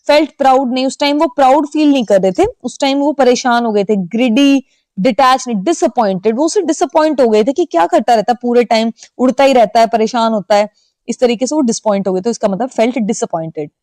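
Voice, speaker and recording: A woman teacher, reading English exam questions slowly and then explaining them quickly in Hindi. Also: a little high, a little mellow, dry recording. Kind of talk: exam-prep lesson.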